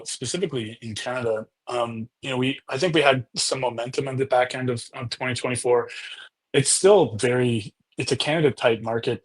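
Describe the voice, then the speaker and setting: Husky, hesitant male panelist. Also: mid-range voice, fairly bright tone, rough recording. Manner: hesitant, repeats words often. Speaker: staffing director, panel guest. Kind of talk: casual panel discussion.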